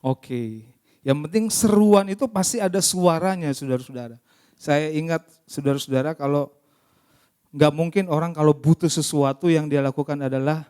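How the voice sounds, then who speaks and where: A male pastor preaching a lively, interactive sermon, often putting questions to the congregation. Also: a little high, clean tone. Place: church service.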